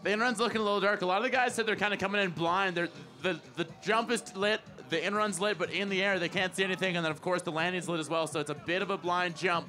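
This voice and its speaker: An easygoing male commentator explains the action at an outdoor ski event. His voice is high and bright, with faint music behind him. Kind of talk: live sports commentary.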